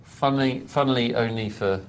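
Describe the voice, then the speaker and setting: A man's voice: medium pitch, a little fast. A man commentating live poker with dry, self-mocking humour and banter.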